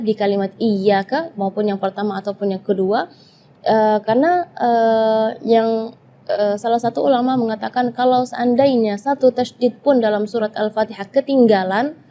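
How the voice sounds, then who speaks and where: Indonesian woman explaining tajwid, kinda hesitant, lots of ums, mellow slightly high voice. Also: slight background noise. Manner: hesitant, many filler sounds. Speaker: Quran reading teacher.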